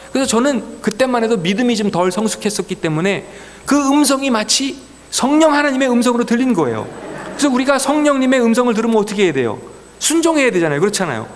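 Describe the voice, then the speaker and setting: High-voiced pastor in an echoing hall. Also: male voice. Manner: animated, acts out dialogue in different voices. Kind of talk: storytelling sermon at a church retreat. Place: church hall.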